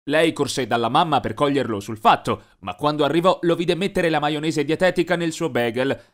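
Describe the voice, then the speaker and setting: A man narrating an animated teen story in a lively, mischievous storytelling voice. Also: fairly high pitch, normal speed.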